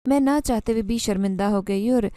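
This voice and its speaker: A woman narrating a first-person horror story in a steady, scripted storytelling manner. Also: mid-range voice, no room sound.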